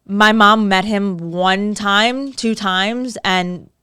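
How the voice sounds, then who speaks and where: A woman in her twenties from New York tells a long, messy story on a casual podcast, slipping into other people's voices for the quotes. Her voice is smooth and clear, at a middling pitch. It is recorded close on a dry mic with no room sound. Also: fairly even intonation, takes it slowly, bright, forceful tone, dry recording. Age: 20s. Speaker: podcast co-host.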